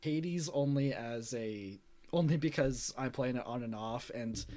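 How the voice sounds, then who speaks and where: A man's voice: mid-range voice, measured pace. A man co-hosting a podcast, casually telling gaming stories and acting out what he said. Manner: animated storyteller, acts out quotes. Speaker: podcast co-host. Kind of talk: casual chat.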